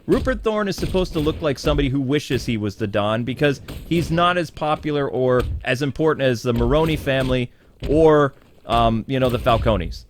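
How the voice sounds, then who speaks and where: A man's voice: medium pitch, lively intonation, moderate pace, a little hiss or hum. A man giving a casual, opinionated spoiler review of a cartoon episode, chatty, full of fillers, laughing now and then. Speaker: TV show reviewer.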